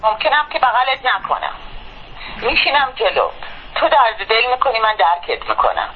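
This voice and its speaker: A woman's voice: a little high, very animated, slight background noise. Woman on a tinny phone line. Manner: earnest, explaining with repeated questions. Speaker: radio guest. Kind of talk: phone-in radio interview.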